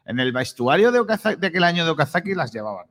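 A man's voice: fairly high pitch, sing-song, fast, fairly bright tone. A man with a Spanish accent from Spain hosts casual sports banter, informal and teasing, often repeating himself. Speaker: host of a sports talk show. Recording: reverberant hall-like room.

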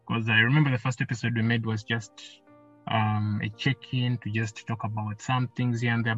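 Husky podcast host with a lo-fi sound. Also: male voice, medium pitch, a bit bright. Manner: rambling, repeats himself. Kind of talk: casual interview.

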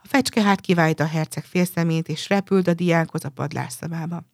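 A woman reading a fairy tale aloud in a calm, even storytelling manner. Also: lowish voice, dry recording, studio quality.

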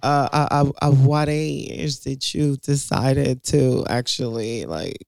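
A woman's voice: a bass voice, slow, vocal fry, darkish tone, no room sound. Stammering woman in her thirties. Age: 30s. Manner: hesitant, stammering, playful. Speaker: podcast co-host. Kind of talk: casual chat.

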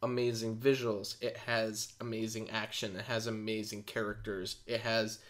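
A man's voice: on the low side, little pitch movement, normal speed, fairly bright tone. A man co-hosting a podcast, chatting casually and rambling with enthusiasm, laughing often. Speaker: podcast co-host. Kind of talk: casual chat.

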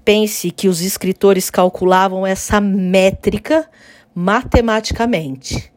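A woman gives an online literature lesson, explaining clearly and slowing down to sound out syllables. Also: mid-range voice, dry recording. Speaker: literature teacher. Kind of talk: online lesson on poetic meter.

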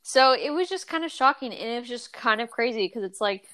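A young woman talks through a personal story on a casual podcast, circling back with lots of fillers and restarts. Her voice sits a little on the high side. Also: expressive, a little fast, fairly bright tone. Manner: rambling, full of "like" and restarts. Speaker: podcast co-host. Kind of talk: casual chat.

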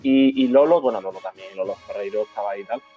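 Halting man telling a memory. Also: on the low side, slightly rough. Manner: halting, repeats words, moved. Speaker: host of a brotherhood talk show. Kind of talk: emotional storytelling in casual chat. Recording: dull lo-fi sound with faint music.

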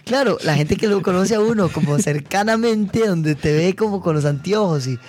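Relaxed Costa Rican man, mellow voice. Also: sits high, normal speed. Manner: relaxed, swearing, reflective anecdotes. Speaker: guest, actor and musician. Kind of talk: casual chat.

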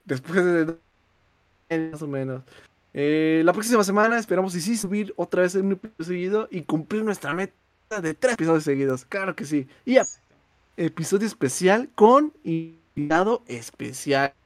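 A man's voice: sits high, expressive, normal speed. A young Mexican man co-hosting a podcast, chatting casually with slang and laughter. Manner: slangy, laughing, loose sign-off. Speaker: podcast co-host. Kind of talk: casual chat.

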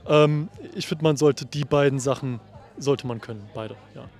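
A male software developer answering interview questions outdoors, hesitant and stammering with many restarts. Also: medium pitch, moderate pace. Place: outdoors at a summer party.

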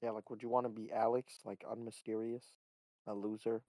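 A man's voice: fairly low pitch, little pitch movement, fairly quick, warm tone, dry recording, rough recording. Blunt, mocking young male co-host. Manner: blunt, mocking, says "bro" and "like". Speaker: podcast co-host. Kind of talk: casual podcast chat.

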